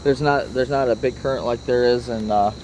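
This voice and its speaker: A man's voice: mid-range voice, fairly even intonation, a little fast. A man on patrol casually explaining things outdoors on a handheld camera. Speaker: patrol member. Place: outdoors at night by a river. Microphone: handheld camera mic. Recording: very noisy outdoor recording.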